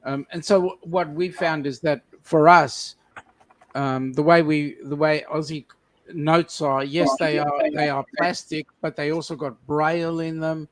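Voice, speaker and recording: A man from South Africa on a casual live-stream panel, teasing drily and pausing on ums. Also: a little high, steady tone, low-quality recording. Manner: dry teasing, halting with ums.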